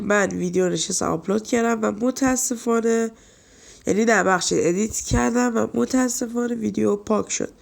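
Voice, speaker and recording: Nasal, gravelly-voiced man gaming. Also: high voice. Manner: chatty, talks to viewers and scolds game characters. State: nasal from a cold. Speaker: gaming YouTuber. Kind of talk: let's-play commentary.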